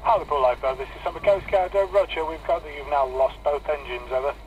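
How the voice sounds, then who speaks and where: A man working as a coastguard operator, speaking formal, halting procedure over marine radio. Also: a little high, a little mellow, recorded from a distance. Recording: dull, faintly noisy VHF radio.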